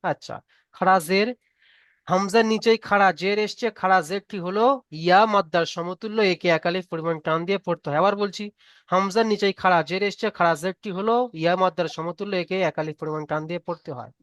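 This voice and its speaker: High, clear-voiced man teaching patiently. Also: steady tone, a bit bright, no room sound. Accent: Bengali. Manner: patient, repeats each rule slowly, asks students to recite. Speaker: online Quran reading teacher. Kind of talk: live online class lesson.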